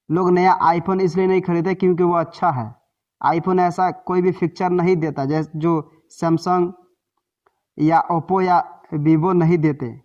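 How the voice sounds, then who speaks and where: Male book-summary narrator, higher pitch, explanatory, slightly dull lo-fi sound. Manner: explanatory, with self-corrections.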